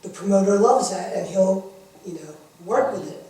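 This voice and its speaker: In a very echoey room with the mic far away, a man from independent wrestling talks up a wrestling show in a loose, chatty interview, full of filler and repeated "you know"s. His voice is high and mellow, delivered at normal speed.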